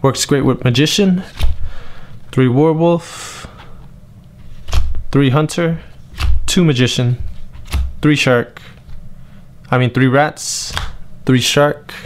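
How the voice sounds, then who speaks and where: A man's voice: medium pitch, slow, long pauses. Young man ranting about a card tournament. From New England, US. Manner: frustrated, complaining, then listing cards flatly. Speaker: card game vlogger. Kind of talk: monologue rant and tournament report.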